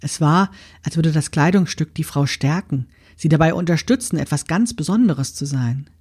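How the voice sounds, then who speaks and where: A woman narrating her own short story in a measured, steady reading style. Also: low-pitched, breathy edge.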